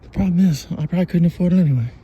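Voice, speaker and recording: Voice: medium pitch, racing, lo-fi sound, slight background noise. A vlogger chatting casually while walking around town outdoors, playful and rambling, recorded on a handheld phone. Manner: chatty, playful, rambling, sings little ditties. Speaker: vlogger on a walk.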